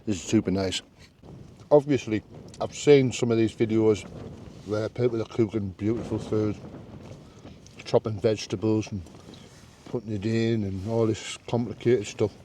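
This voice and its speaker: A Northern English man talks casually to camera while camping alone. His voice is fairly low and mellow, and he muses aloud in a plain, understated way. Faint outdoor ambience sits behind him in the tent. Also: steady tone, normal speed, pauses often, slight background noise. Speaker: solo camping vlogger. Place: inside a small tent outdoors.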